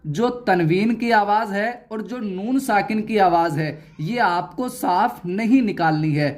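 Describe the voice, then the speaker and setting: A man's voice: high-pitched, measured pace. A man teaching Quran reading in a recorded lesson, patiently spelling out each syllable and repeating it.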